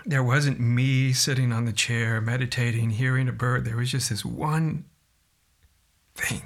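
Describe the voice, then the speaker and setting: A man recounting a personal experience in a reflective, halting, soft-spoken way, as a guest in an interview. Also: mid-range voice, steady tone.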